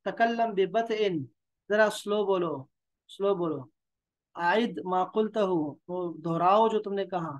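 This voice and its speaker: A man with a high-pitched voice and a Pakistani Urdu accent teaches an Arabic class, speaking a little slowly on a muffled recording. He reads each phrase aloud, explains it, and coaxes his students by repeating himself.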